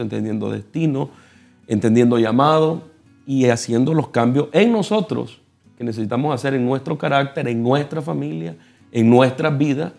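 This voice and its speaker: A male pastor with a Nicaraguan accent teaches in a calm, measured way, as if explaining a passage to viewers. His voice has a gravelly, fry-tinged texture at a middle pitch. Faint guitar music plays underneath. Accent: Nicaraguan Spanish. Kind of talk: TV panel teaching. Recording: soft guitar music behind.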